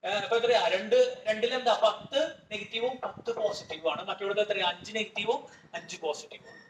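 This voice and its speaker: A man's voice: high voice, fairly even intonation, quick pace, recorded from a distance. A man with a Malayali accent teaching a chemistry class, quizzing his students, repeating questions and scolding them. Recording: echoey classroom with faint noise.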